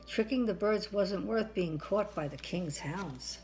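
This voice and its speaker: A woman's voice: medium pitch, measured pace, a little mellow, rough recording. Sweet grandma type lady reading a kids story, older, music playing behind her. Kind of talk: children's storybook narration.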